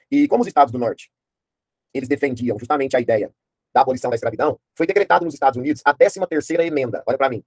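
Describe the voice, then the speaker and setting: A man teaching a history class online in a fast, casual way, often asking his students questions and using slang. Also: mid-range voice, no room sound.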